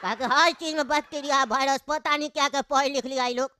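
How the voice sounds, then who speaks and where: A woman's voice: sits high, steady tone, fast talker, bright, forceful tone, slight background noise. A woman voicing a sick old father who coughs and complains while stuck on a plane. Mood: grumbling. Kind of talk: comic cartoon voice acting.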